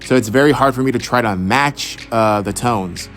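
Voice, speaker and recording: Speaking at normal speed in a fairly bright, mid-range voice, a young Houston, Texas native fields follower questions on voice acting. The casual monologue wanders, with many fillers and restarts, over soft background music.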